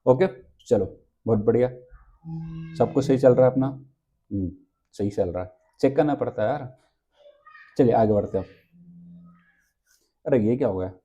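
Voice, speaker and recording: A man's voice: medium pitch, a little slow, pauses often, warm tone, husky, muffled recording. A male teacher running an exam-prep lesson, asking questions and answering them himself and repeating key points.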